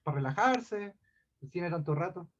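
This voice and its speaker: Man playing a old man in disguise, male, frail, humble, slow, pleading, cunning underneath, slightly high, lo-fi sound. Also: animated, fairly bright tone, full character voice. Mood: wheedling.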